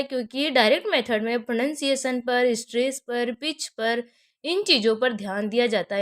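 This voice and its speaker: A young woman with a Hindi accent giving an exam-prep lecture, posing questions to her students and answering them herself while repeating key terms. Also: on the high side. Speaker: teacher.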